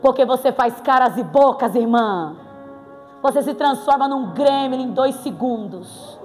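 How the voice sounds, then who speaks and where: A woman with a Brazilian Portuguese accent preaching a sermon in a church, playful and animated, with sudden exclamations. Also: high-pitched, measured pace. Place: church hall. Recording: reverberant hall with faint music.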